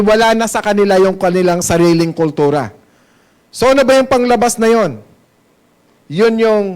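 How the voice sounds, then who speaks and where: A man with a Filipino accent preaching a Sunday sermon as pastor. He mixes Tagalog and English and keeps asking the congregation questions. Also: sits high. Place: church service hall.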